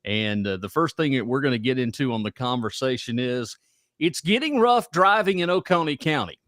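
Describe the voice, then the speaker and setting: A man hosting an online radio talk show in a loud, showy, playful announcer style. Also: mid-range voice, expressive, normal speed, no echo. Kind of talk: casual call-in-style show banter.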